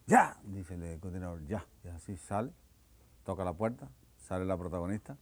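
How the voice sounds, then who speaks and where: A man's voice: normal speed, no room sound. Man telling stand-up jokes. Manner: acts out characters, jumping loud and high for punchlines. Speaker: stand-up comedian.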